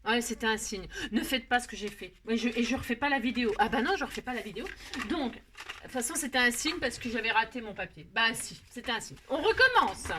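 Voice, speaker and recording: A woman hosts a card-making tutorial, chatting casually and poking fun at her own mistakes as she works. Her voice is fairly high, quick, bright, and forceful, and a bit of hiss or hum can be heard.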